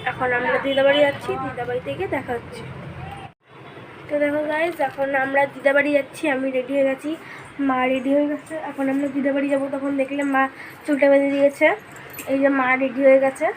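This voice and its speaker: A young woman with a hoarse voice and a stuffy nose from a cold, chatting casually to her vlog camera as she shows her meal and home. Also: high-pitched, flat delivery, quick pace, a little hiss or hum. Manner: chatty, showing things to camera. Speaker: vlogger.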